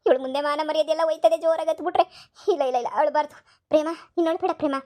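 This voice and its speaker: A young cartoon village wife, acted by a woman. She brags about her landlord family, then sobs quietly to herself. Her voice is high and she talks fast. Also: steady tone, natural voice. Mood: tearful, high. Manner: boastful on the surface, sobbing asides. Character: young village wife, proud yet tearful. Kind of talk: cartoon comedy voice acting.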